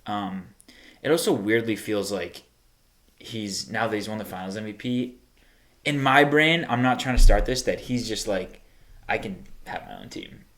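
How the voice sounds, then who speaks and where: A man with a somewhat low voice chats casually on a podcast. He keeps softening his own opinions as he talks. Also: moderate pace. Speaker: podcast co-host. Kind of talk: casual sports chat.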